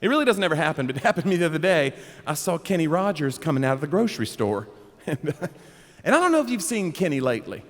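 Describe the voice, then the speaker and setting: A young man performing a stand-up comedy set, animated and breaking into loud character bits. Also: a little high, fast. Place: comedy club stage. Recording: live room with long reverb, faint crowd noise.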